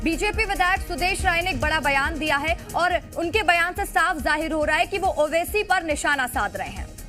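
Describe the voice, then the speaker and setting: A woman anchoring a studio news broadcast, crisp and brisk, putting questions to a reporter. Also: very high voice, expressive, sharp tone, soft background music. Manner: crisp, with short agreeing interjections.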